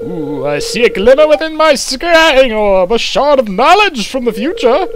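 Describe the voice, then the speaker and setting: A man's voice: extremely high pitch, sing-song, a little slow, background noise, pitched above the performer's own voice, exaggerated voice. A man voicing a mystical, theatrical fortune teller while reading out video game dialogue. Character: mystical fortune teller gazing into a scrying orb.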